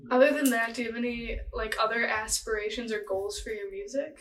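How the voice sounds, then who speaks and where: A woman's voice: fairly high pitch, fairly even intonation, fairly quick, fairly bright tone, echoey room, recorded from a distance, a little hiss or hum, poor audio. A woman interviewing a guest in a casual chat, reacting with short agreements and laughs.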